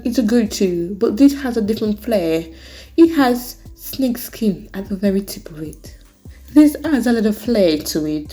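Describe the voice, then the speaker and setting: A woman gives a casual tutorial voice-over in a softly mellow voice at an average pitch. She puts on a British accent and switches clumsily, sliding into American here and there. Faint music plays behind her. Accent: put-on British, slipping into American. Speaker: nail tutorial host.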